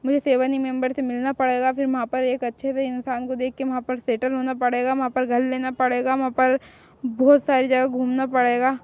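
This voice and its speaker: A woman's voice: sits high, monotone, fairly quick, lo-fi sound, close to an everyday voice. A woman voicing a feisty young woman who is a devoted boy-band fan, talking in a scolding, defiant way in a hobby fan drama.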